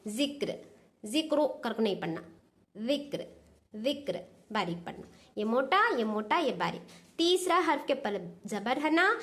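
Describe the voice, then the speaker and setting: High-voiced woman teaching Quran reading. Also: fairly bright tone. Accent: Dakhni Urdu. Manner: explains patiently, asking and answering her own questions. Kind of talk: tajweed lesson.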